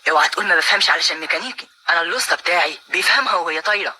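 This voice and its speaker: An actor playing a blunt, streetwise mechanic in an old Egyptian film, speaking brusquely with an Egyptian accent. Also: male voice, fairly high pitch, very fast, sharp tone, husky, full character voice. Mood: gruff. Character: blunt working-class male mechanic.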